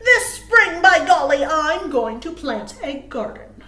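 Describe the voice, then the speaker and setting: A woman plays a determined storybook gardener, a huffy man with a high voice. He declares things emphatically and boastfully, and the room around him echoes. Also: sing-song, slow, sharp tone, a little hiss or hum, full character voice. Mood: eager.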